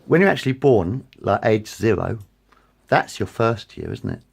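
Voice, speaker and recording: A man in his late forties rambles to his phone's front camera as a vlogger, going over the same points and correcting himself while drifting between thoughts. He speaks at a normal speed in a sing-song way, his voice on the low side, creaky and slightly rough.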